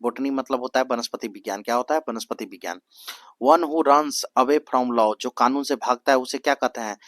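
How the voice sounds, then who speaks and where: A young man teaches an exam-prep lesson. He repeats each answer several times, asks "what is it called?" after each one, and reads English prompts slowly word by word. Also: medium pitch, fairly bright tone, no room sound.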